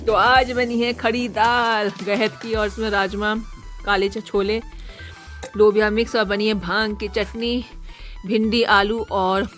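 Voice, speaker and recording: A young woman vlogging about her household chores in a casual, chatty way, her voice hoarse from a cold, with faint music behind her. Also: mid-range voice, little pitch movement, slow pace, fairly bright tone. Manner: chatty, running commentary on chores. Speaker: family vlogger. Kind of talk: casual home vlog narration.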